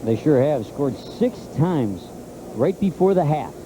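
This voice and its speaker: A man's voice: a little high, sing-song, unhurried. A man giving live football analysis in a conversational, emphatic, repetitive way. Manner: conversational, emphatic, repeats himself. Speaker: color commentator. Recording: noisy stadium broadcast. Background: stadium noise.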